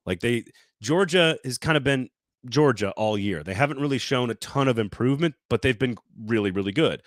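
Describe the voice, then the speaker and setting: Animated man debating sports, dry mic. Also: mid-range voice, dry recording. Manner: animated, talks in quick restarts. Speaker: sports talk host.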